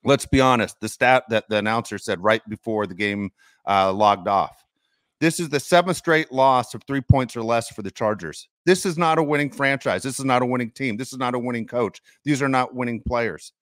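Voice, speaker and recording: A man's voice: mid-range voice, normal speed, fairly bright tone, no echo, clean studio sound. A man co-hosting a sports podcast, venting bluntly and emphatically about a loss. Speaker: podcast co-host.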